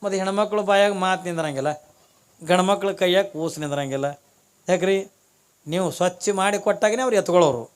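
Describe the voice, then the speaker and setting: Male preacher, high voice, storytelling sermon, jumps into loud character voices, repeats lines for emphasis. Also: brisk, smooth. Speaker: religious preacher.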